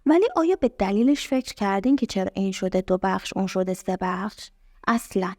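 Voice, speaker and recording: A young adult woman teaching an English lesson, patiently asking the class questions and repeating words slowly to show their syllables. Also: medium pitch, lively intonation, warm tone, no echo, clean studio sound. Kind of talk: explaining a language lesson.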